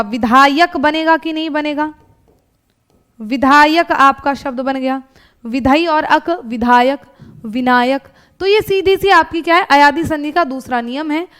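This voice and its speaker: A woman with a high voice teaches an exam-prep grammar lesson. She has a North Indian Hindi accent. She works through each example step by step and keeps asking her students rhetorical questions. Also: fairly bright tone. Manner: often adds checking tags like "thik hai" and "hai na".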